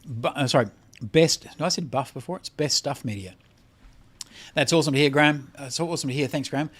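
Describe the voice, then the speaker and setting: Speaking quickly in a mid-range, fairly bright and slightly rough voice, a weary Australian man hosts a laid-back credit repair stream. He reads out chat messages and replies with blunt, heavily profane answers.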